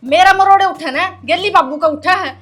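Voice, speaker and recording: A woman's voice: very high voice, moderate pace, fairly bright tone, faint music behind. An actress playing a defiant young daughter arguing with her father, speaking with a Haryanvi accent. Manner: argumentative, defiant.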